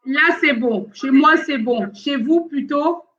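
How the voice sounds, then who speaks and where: Her voice high, slow and fairly bright, a French woman of Congolese origin hosts a casual live stream from home. She sounds hesitant and leans on fillers while fighting sound problems, and the audio is dull.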